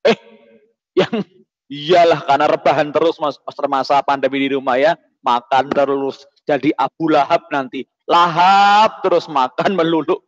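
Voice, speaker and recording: A man's voice: fairly high pitch, normal speed, no room sound. A man presenting to schoolchildren in a playful, joking way, teasing them and firing off call-and-response questions. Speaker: children's presenter at a school holiday event. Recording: dull lo-fi, dry sound.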